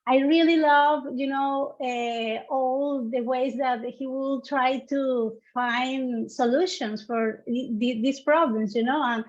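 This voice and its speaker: A woman who works as a front-end software engineer, telling her story earnestly with hesitant fillers. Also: high-pitched, fairly even intonation, takes it slowly, few pauses, dull audio. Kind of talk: casual panel interview.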